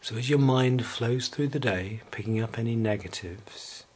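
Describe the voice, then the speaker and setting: A man leading a guided evening relaxation, speaking slowly and soothingly and at times sinking to a soft whisper. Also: mid-range voice, a little hiss or hum.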